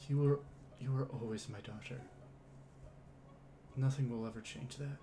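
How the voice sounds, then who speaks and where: A man voicing a tender father walking his daughter down the aisle, speaking softly. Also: mid-range voice, steady tone, normal speed, a little hiss or hum, natural voice.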